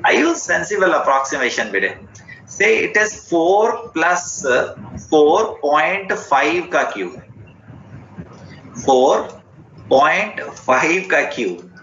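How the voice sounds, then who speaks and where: A man's voice: fairly high pitch, big pitch swings, slow, fairly bright tone. Indian man teaching, in roomy lo-fi audio. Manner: repeats short phrases and instructions, questioning students directly. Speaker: teacher of an online chemistry class. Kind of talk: interactive online lesson, mixing English and Hindi. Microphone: online class call. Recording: roomy, dull lo-fi online class audio with faint noise.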